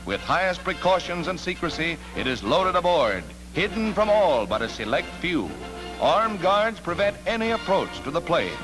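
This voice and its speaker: Man, old newsreel narrator, high voice, dramatic delivery, loud music under him. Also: big pitch swings, normal speed, low-quality recording. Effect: old newsreel soundtrack.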